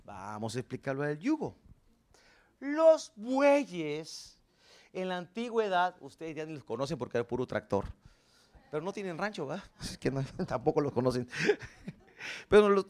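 A man's voice: sits high, very animated, normal speed, darkish tone. A man preaching a sermon, telling the story dramatically and asking the congregation questions. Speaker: pastor.

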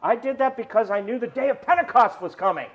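A man preaching a sermon with a high voice that swings widely up and down. He tells stories and asks the congregation questions. He is preaching outdoors. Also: animated, fast talker, lo-fi sound. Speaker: pastor.

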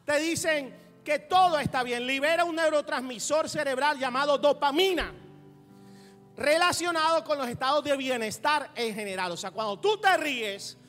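A man preaching a sermon as pastor, laughing along with his listeners, calling for amens and rising to loud emphasis. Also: very high-pitched. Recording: roomy long reverb with faint music.

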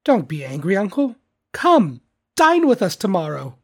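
A narrator voicing a cheerful, warm-hearted young nephew in a storybook, earnest and lively, sometimes pleading. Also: medium pitch, a little slow, heavily acted.

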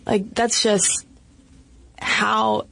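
A woman's voice: medium pitch, flat delivery, drawn-out words, gravelly, pushed and bright. A woman co-hosting a podcast, chatty and thinking aloud, with hesitant restarts. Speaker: podcast co-host. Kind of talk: casual podcast discussion.

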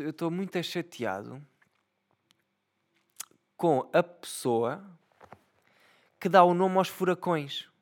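A young man with a European Portuguese accent, casually ranting and telling a rambling, profane story as a vlogger. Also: a little high. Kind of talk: casual rant to camera.

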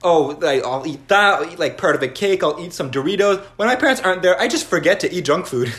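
A young man co-hosting a podcast, chatting casually with a relaxed, wry manner. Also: sits high, quick pace. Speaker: podcast co-host. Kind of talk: casual chat.

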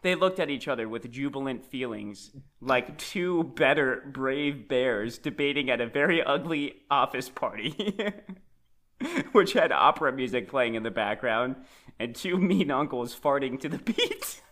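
A man's voice: medium pitch, expressive, measured pace, a bit bright. A man co-hosting a comedy podcast, reading a nonsense story aloud and laughing often. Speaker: podcast co-host.

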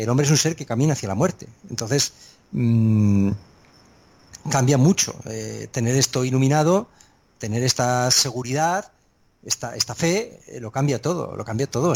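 Hesitant, reflective man on faith. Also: mid-range voice. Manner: thoughtful, hesitant with many fillers and restarts. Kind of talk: reflective conversational preaching.

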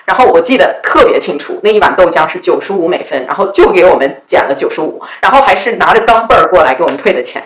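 Woman vlogger, quick casual storytelling, chatty, echoey room. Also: fairly low pitch, expressive. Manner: chatty, often asks "you know?".

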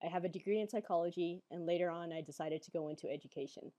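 A woman's voice: fairly low pitch, fast, dark tone, no room sound. A woman from Hong Kong working from home, talking in a casual podcast with plenty of "like" and "um" fillers. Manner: chatty, leans on "like" and "um" fillers. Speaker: online learning lead and co-host. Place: home office.

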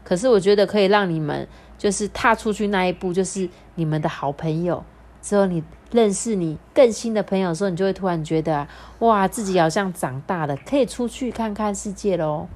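A young woman reads a children's story aloud to young listeners. Her voice sits at an ordinary pitch, and her delivery is playful and animated, with long, drawn-out endings on her sentences. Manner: playful and animated, drawing out sentence-final particles. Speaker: storyteller host.

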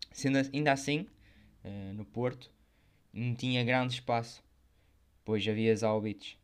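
A man with a European Portuguese accent hosting and narrating football biography in a semi-scripted, measured way. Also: on the low side, a little mellow, smooth. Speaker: host of a football history programme.

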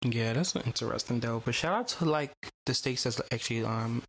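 A woman's voice: extremely low pitch, normal speed, slightly rough. A woman co-hosting a podcast in casual chat, blunt and profane, full of fillers. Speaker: podcast co-host.

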